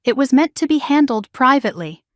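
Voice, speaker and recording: A woman's voice: high-pitched, lively intonation, brisk, no echo, studio quality, pitched above the performer's own voice. A woman voicing a stern, defensive middle-aged father who speaks in curt, commanding lines in a storybook drama.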